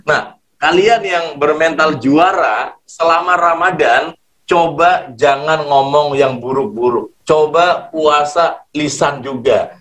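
A man leading an online motivation class for schoolchildren, coaxing and energetic, leaning on the same phrases again and again. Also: a little high. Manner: energetic, coaxing, repeats "ya" and "luar biasa". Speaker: motivational trainer.

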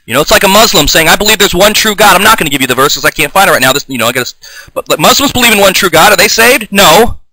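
A man giving an improvised, combative video sermon, reading scripture aloud, often restarting and clearing his throat. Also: sits high, animated, very fast, sharp tone, dry recording, low-quality recording. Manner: fired-up, combative, denouncing opponents. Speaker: self-taught online preacher.

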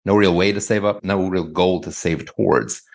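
A man's voice: deep voice, steady tone, moderate pace. A man from the United States, a guest author answering interview questions in a thoughtful, hedging way, full of "kind of" and "like".

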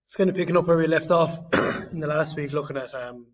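A young man presents his design project, often pausing and restarting as he searches for words. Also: fairly high pitch. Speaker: design student. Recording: slightly distant, dull lo-fi audio.

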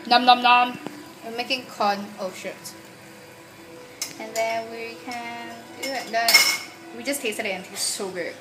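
Over loud music and a sizzling pan, a young woman chats while cooking in a small home kitchen at night, poking fun at her friend's cutting technique. Her voice sits on the high side with fairly even intonation, and she talks a little slowly with long pauses. She films on a handheld phone.

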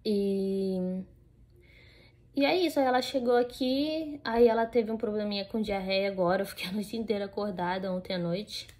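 A woman's voice: medium pitch, normal speed, a little mellow. Chatty young Brazilian woman vlogging at home. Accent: Brazilian Portuguese. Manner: chatty, rambling with many fillers and restarts. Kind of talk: casual chat to camera.

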